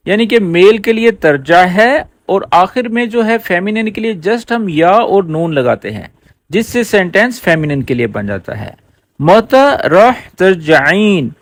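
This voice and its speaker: A man teaching spoken Arabic, repeating each phrase slowly and explaining it word by word. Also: sits high. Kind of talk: language lesson.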